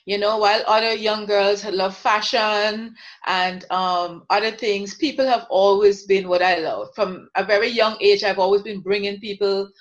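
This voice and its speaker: A woman's voice: mid-range voice, fairly even intonation, moderate pace. A woman from Guyana, a counsellor, talking earnestly and reflectively as an interview guest.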